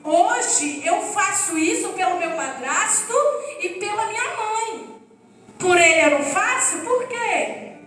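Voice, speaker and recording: A woman's voice: extremely high pitch, animated, slow. A woman giving an earnest, emotional personal testimony to a church congregation. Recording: echoey hall, distant mic, faint music.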